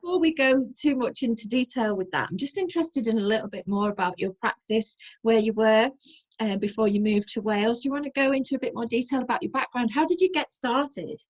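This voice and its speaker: A middle-aged woman hosting an interview, upbeat and encouraging, often going softer at the ends of phrases. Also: on the high side, fairly quick. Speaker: host, wellbeing coach. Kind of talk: hosted interview chat.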